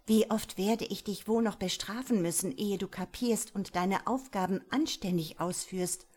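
A woman voicing a domineering, scornful female boss who scolds sharply and loudly. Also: medium pitch, lively intonation, a little slow, husky. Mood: scolding. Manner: sharp scolding, loud commanding.

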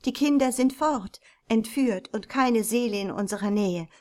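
A woman's voice: on the high side, normal speed, a little mellow, close to an everyday voice. A woman reading aloud, voicing an anxious widowed mother in an old storybook, urgent and pleading. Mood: frantic.

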